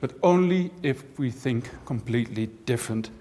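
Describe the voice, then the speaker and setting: A Dutch university professor and speaker gives a lively, conversational conference talk to a packed room, wry and full of dry jokes, often checking in with a "right?". His pitch is ordinary and his pace moderate. Each phrase is followed by long reverb from the large auditorium.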